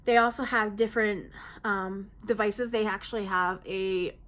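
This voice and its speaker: A woman's voice: mid-range voice, fairly even intonation, normal speed, a bit bright. A woman vlogger talking casually to the camera, explaining things plainly with many hesitant fillers.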